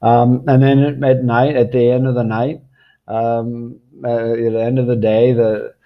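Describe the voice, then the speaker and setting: A man's voice: mid-range voice, little pitch movement, measured pace, narrow, tinny audio. An older man telling children a rambling personal travel story, full of ums, restarts and chuckles.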